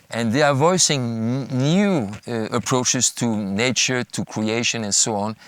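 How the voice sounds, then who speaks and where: A pastor and former math teacher from France with a French accent, answering interview questions in a thoughtful, halting way with many restarts. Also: male voice, medium pitch, fairly bright tone, no echo.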